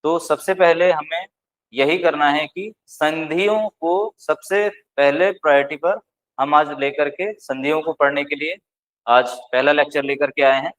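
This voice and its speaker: Slow, deliberate male Sanskrit teacher. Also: a little high, steady tone, a bit bright, low-quality recording. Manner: slow, deliberate, recites syllables one by one. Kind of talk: recorded lecture.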